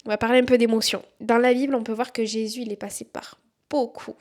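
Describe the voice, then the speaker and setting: A woman's voice: on the high side, little pitch movement, fast, darkish tone. A young woman hosting a podcast on faith, talking earnestly and encouragingly and reading verses aloud. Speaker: podcast host.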